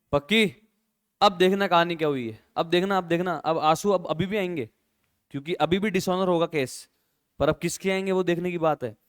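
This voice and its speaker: A man's voice: high voice, smooth. A male accounting teacher from India who explains through a silly story and keeps checking that students follow. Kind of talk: classroom lecture.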